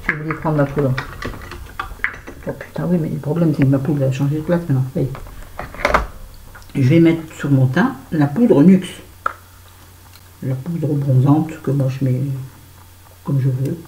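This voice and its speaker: A woman's voice: sits low, moderate pace, pauses often, roomy sound, noisy background. A woman telling a story to her viewers in a casual vlog while doing her make-up, chatty and swearing freely. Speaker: vlogger. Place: bedroom at home.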